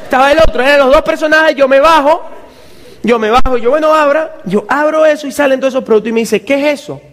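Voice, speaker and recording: A man's voice: extremely high pitch, fast talker, big-room sound. A man, a motivational speaker telling a comic story to an audience and acting out the other people's voices. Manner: lively, acts out the voices of others.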